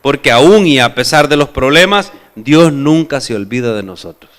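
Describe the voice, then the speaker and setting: Male pastor, sermon, bright and resonant, quizzes the congregation. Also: mid-range voice, moderate pace. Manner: asks the congregation questions, expressive.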